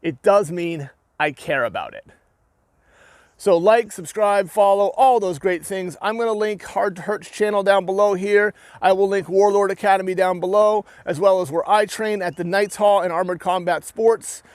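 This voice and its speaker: This young New England man, an armored combat fighter with a New Hampshire accent, rants casually and earnestly to his video audience at a moderate pace. His high-pitched voice rambles through frequent restarts and "right?" tags, and the recording has no echo.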